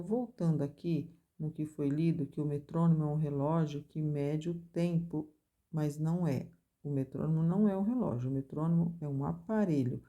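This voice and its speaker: Low, mellow-voiced woman teaching music. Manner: explains step by step, chants rhythm syllables with stress. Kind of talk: recorded music theory lesson.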